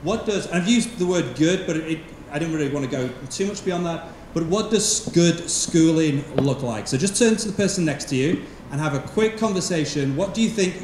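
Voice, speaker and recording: A man's voice: a little high, lively intonation, moderate pace, few pauses, darkish tone, slight background noise. A man in his thirties, a school principal, giving a casual, thankful welcome speech on a handheld mic in a large hall full of people, with frequent ums. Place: large event hall with seated audience. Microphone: handheld microphone.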